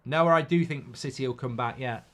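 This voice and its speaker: A British man hosts a live football watchalong in a slightly croaky, bunged-up voice, pairing casual commentary with blunt, joking replies to the chat. He is medium-pitched and brisk, with a fairly bright tone.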